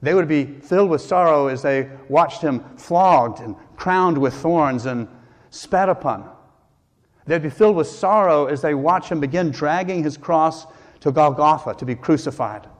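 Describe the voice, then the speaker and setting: A man preaching an earnest, emphatic sermon as pastor, with dramatic pauses. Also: a little high. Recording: long hall reverb.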